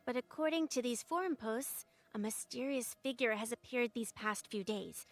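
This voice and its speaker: A chatty young female colleague from a story game, voiced by a woman with a high, bright voice. She relays rumors over faint background music. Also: normal speed, lightly acted. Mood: informative. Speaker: game character.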